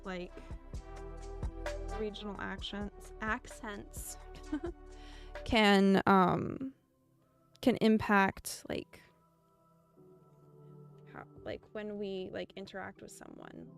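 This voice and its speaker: Speaking very slowly in a steady, creaky mid-range voice with long pauses, a young woman from the United States chats casually with viewers. Her General American talk is meandering and thoughtful with frequent laughter, over soft background music.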